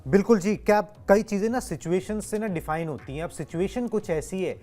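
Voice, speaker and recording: A man's voice: sits high, fairly quick, warm tone. Host: male, cricket show, chatty explainer, faint music under. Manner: chatty, explanatory, with Hindi idioms and fillers. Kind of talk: cricket news discussion.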